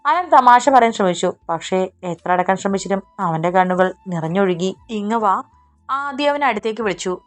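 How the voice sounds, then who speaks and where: Woman audiobook narrator, mid-pitched, steady expressive storytelling over faint music. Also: brisk.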